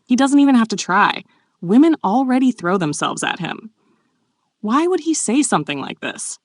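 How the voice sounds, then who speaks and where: A woman reading the part of a flustered, playful young noblewoman in a bright, raised voice. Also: on the high side, big pitch swings, normal speed, no room sound, clean studio sound, voice pushed up.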